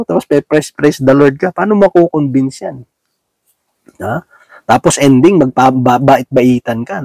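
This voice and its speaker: A man's voice: medium pitch, dark tone, no echo. A man with a Filipino accent giving a casual, conversational sermon, often checking in with his listeners and acting out small everyday scenes. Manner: folksy, asks "di ba?" often, acts out little scenes. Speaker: preacher.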